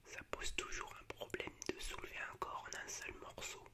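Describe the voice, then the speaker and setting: This is whispered ASMR: a man, acting as host, works through film monologues in an airy, voiceless hush. The pace is slow, with a touch of hesitancy.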